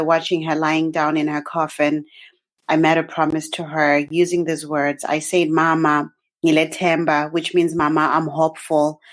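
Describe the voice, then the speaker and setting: A woman from Zimbabwe, a guest telling her life story in an interview, earnest and reflective with some fillers. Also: low voice.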